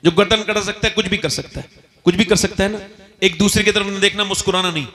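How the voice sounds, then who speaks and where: A man preaching an impassioned sermon to a gathering, rising into high pleading cries. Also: fairly even intonation, fast talker, sharp tone. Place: religious gathering.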